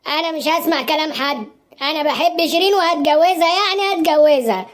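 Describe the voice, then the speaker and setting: A woman's voice: high-pitched, quick pace, natural voice. A woman voicing a stubborn young man in a cartoon, pleading and insisting with an Egyptian Arabic accent. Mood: insistent.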